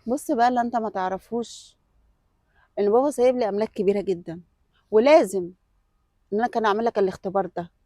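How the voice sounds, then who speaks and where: A young woman with an Egyptian accent playing a young woman who tests a suitor, pleading at first and then calm and self-assured. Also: mid-range voice, fast, pauses often, no room sound, lightly acted. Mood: confident. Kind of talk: web sketch acting.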